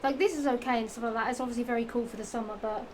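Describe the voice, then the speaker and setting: A young woman with a Norfolk accent talks very fast in a voice on the high side, with fairly even intonation and some strain from the heat. She's from England and is vlogging casually about shoes, rambling, repeating herself, giggling, and using lots of fillers and restarts. The chatty show-and-tell was recorded at home with noise around.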